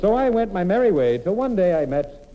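Over a noisy crowd, a man with a high-pitched, very animated voice performs scripted comedy narration on old-time radio, a little fast and in a mock-earnest tone. He is a comedian and monologist, and the noisy old broadcast recording has its highs cut off.

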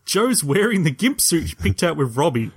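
A man's voice: a little high, sing-song, moderate pace, husky. A man co-hosting a podcast, recapping an episode in casual chat and laughing often. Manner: laughs often while talking, playful. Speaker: podcast co-host.

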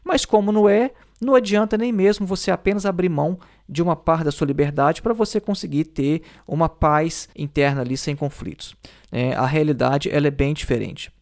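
A man's voice: on the high side, fairly quick, darkish tone. A man explaining philosophy in a lecture, thinking aloud with many fillers and tag questions. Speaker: teacher.

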